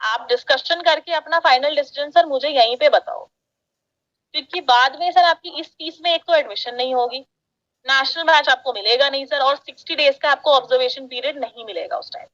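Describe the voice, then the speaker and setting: Pushy high-voiced woman on a call. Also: brisk, a bit bright, muffled recording. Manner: pushy, persuasive, talks over the caller. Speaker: education sales counselor. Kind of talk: sales call.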